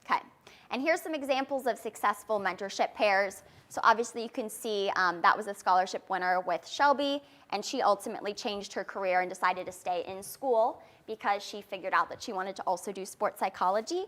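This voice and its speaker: A young woman giving a confident startup pitch as a founder, explaining things earnestly in a presentation style. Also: a little fast, a bit bright.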